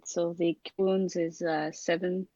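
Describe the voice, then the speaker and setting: A woman's voice: on the low side, level tone, takes it slowly, mellow, no echo. A woman chatting casually as a player in a tabletop game, on a slightly lo-fi track.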